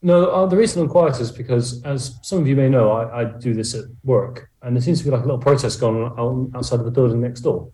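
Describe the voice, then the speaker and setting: A man speaking quickly and wryly as a podcast guest, dropping apologetic asides while he talks from indoors at his workplace. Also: mid-range voice, dark tone, low-quality recording. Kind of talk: casual chat. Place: at work, indoors.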